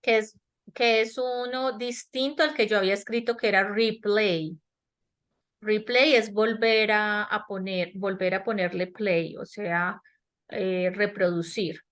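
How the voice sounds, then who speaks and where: A woman's voice: mid-range voice, fairly even intonation, fairly bright tone. A woman teaching English grammar in an online class, speaking Spanish with a Latin American accent and often checking that students understand. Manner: slow, explanatory, checks understanding with repeated questions. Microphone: webinar headset or laptop mic.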